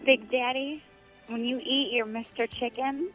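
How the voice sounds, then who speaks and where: A man calling a radio show, putting on a slow, sultry woman's voice over the phone line. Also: very high voice, fairly even intonation, a bit bright, soft background music. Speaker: caller.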